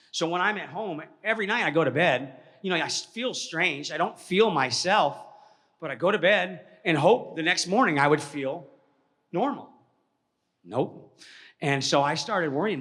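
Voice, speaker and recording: A man from Georgia with a somewhat high voice tells a personal story to a live audience. He talks animatedly, dropping to a near hush and starting over mid-sentence. His voice rings with a long reverb, as if he were in a big hall. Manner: animated storyteller, drops to a hush, acts out voices, many restarts. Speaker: speaker at a presentation.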